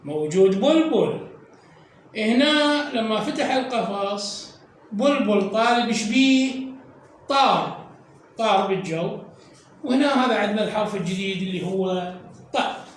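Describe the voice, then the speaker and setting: High-voiced Iraqi man teaching slowly. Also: animated, far from the mic. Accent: Iraqi Arabic. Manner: slow, drawn-out syllables, repeating sounds for learners. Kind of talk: children's reading lesson. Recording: echoey room, voice from off mic.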